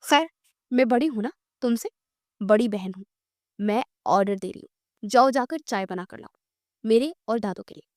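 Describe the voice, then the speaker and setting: A woman's voice: fairly high pitch, moderate pace, long pauses, darkish tone, no echo, studio quality, close to an everyday voice. A woman voicing a spirited teenage girl who grumbles, bosses her sister and sulks. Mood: complaining. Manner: grumbling, bossy and petulant.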